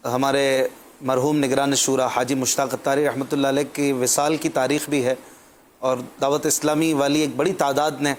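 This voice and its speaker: A man's voice: mid-range voice, level tone, moderate pace, slight background noise. A man interviewing a guest about religious memories, asking polite questions and often giving short affirmations.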